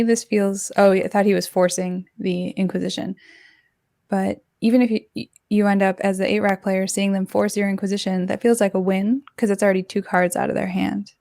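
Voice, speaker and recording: A woman's voice: mid-range voice, vocal fry, warm tone. A woman co-hosting live commentary on a card game match, giving thoughtful, analytical takes and hedging as she talks through them. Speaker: co-host and commentator.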